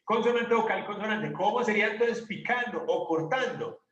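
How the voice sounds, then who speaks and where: A man's voice: high-pitched, moderate pace, fairly bright tone. A man teaching an English grammar lesson, explaining step by step and answering his own questions. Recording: roomy, distant, dull classroom recording.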